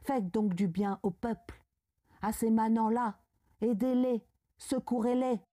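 A proud, respectable gentleman, read aloud by a woman scolds with cold indignation. He speaks slowly and deliberately, in a dark, mellow voice, as in a storybook. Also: on the high side, fairly even intonation, no echo, studio quality, lightly acted. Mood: indignant. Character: respectable older man, proud and furious, fearing scandal.

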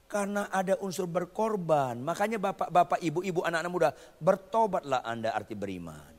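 A man preaching a lively sermon, quizzing his congregation and tossing in jokey asides, in a church hall. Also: a little high, brisk. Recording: long reverb of a church hall.

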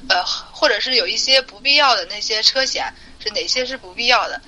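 A woman's voice: fairly high pitch, brisk, bright, forceful tone, poor audio. A woman listener asking a car podcast her questions, hesitant and full of fillers. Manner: hesitant, many fillers, apologetic.

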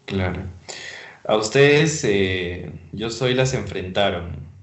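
Low-voiced male interviewer, roomy echo. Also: animated, takes it slowly. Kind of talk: interview questions.

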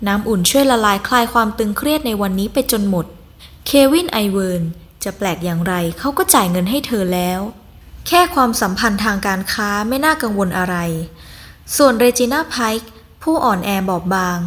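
A woman narrating a fantasy novel in a measured, even storytelling voice. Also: medium pitch. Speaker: audiobook narrator. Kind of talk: scripted narration.

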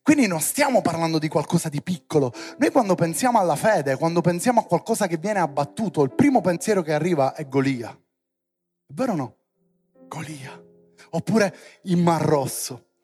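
Male youth preacher, fairly high voice, theatrical, pushes to loud exclamations. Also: expressive, moderate pace, faint music behind. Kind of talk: lively sermon to young people.

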